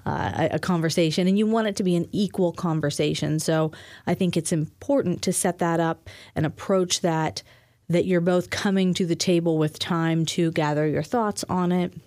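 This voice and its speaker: A woman talking through money advice in a relaxed, earnest conversation, often restarting her phrases as she explains. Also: lowish voice, moderate pace, no echo, clean studio sound. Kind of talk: casual conversation.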